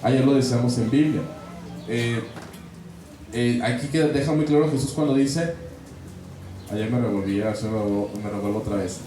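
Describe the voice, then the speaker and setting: A man's voice: medium pitch, normal speed, long pauses, warm tone, faint music behind. Mexican man lecturing in an echoey hall. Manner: conversational, checks in with frequent questions. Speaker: catechist trainer. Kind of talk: lecture to a class. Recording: very echoey room, voice far from mic.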